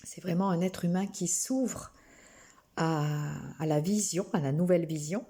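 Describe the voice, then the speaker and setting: Slow, gentle French woman reading cards. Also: lowish voice, breathy edge. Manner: slow, gentle, with frequent hesitations and restarts. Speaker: spiritual card reader. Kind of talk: oracle card reading to camera.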